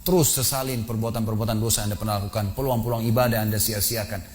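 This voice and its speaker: A man's voice: on the low side, racing. A man with an Indonesian accent preaching a sermon, telling a vivid story and raising his voice as he describes people weeping. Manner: animated storytelling, voice rising when recounting weeping.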